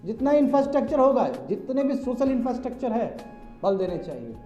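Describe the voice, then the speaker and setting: A man's voice: very high voice, very animated, fairly quick, dark tone, faint music behind. A man lecturing a class, chatty, calling on students directly and mixing in English terms. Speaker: teacher. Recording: echoey classroom, slightly dull.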